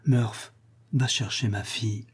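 A man's voice: medium pitch, steady tone, takes it slowly, husky. A man voicing an overwrought noble prince in an audiobook reading, speaking with trembling, barely restrained emotion. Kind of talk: audiobook character voice.

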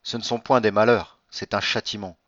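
A man's voice: fairly low pitch, steady tone, brisk, fairly bright tone, no room sound, lightly acted. A man reading an audiobook, voicing a bitter, vengeful nobleman who speaks with cold irony. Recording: dull lo-fi dry recording.

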